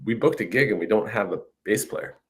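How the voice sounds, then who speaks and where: This guest musician, a Canadian man in his fifties from northern Saskatchewan, speaks briskly in a lowish voice. It's a casual interview chat held on a video call from a room at home, captured by the call mic, and he frequently throws in "you know what I mean."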